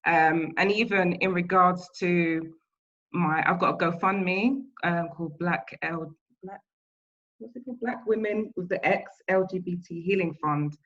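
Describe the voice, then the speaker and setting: A woman in her thirties speaking on a panel over a video call, earnest and personal, halting with fillers. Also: fairly low pitch, a bit bright. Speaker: panelist, community event founder. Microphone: video call mic. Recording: dull lo-fi call audio.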